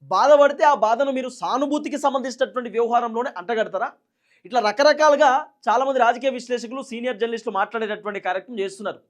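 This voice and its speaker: Indignant high-voiced Telangana commentator. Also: male voice. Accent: Telangana Telugu. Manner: rhetorical questioning, indignant. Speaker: political commentator. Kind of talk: political commentary.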